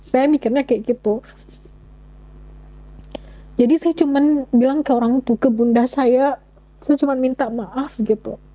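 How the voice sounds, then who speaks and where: Young woman, personal testimony, earnest and halting, higher voice, soft mellow tone. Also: steady tone, low-quality recording. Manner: earnest, halting, with many restarts. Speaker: convert sharing her story.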